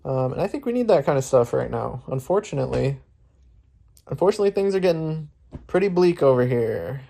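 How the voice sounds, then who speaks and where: A man's voice: medium pitch, sing-song, fairly quick, vocal fry, dark tone. Rambling young man vlogging on a phone. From Florida, US. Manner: rambling, filler-heavy, laughs often. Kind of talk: casual vlog talk. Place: outdoors at a street protest, later his room.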